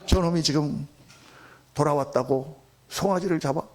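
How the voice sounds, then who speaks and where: A man's voice: fairly high pitch, normal speed, voice pushed down, lightly acted. A man voicing a resentful adult elder son who complains angrily about his brother. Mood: indignant. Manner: indignant, complaining.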